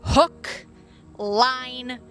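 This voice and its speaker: A video essayist reviewing fiction podcasts speaks very slowly in a high, steady, somewhat bright voice. Her scripted presentation includes casual asides and dramatic emphasis on key phrases, with music in the background.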